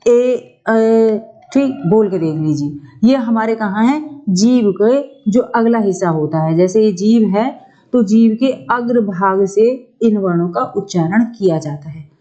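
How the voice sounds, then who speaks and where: A woman's voice: fairly high pitch, mellow, lo-fi sound. A woman teacher giving an exam-prep grammar lesson, asking questions and answering them herself, with frequent check-ins to the class. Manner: slow, drawn-out explaining, asks and answers own questions.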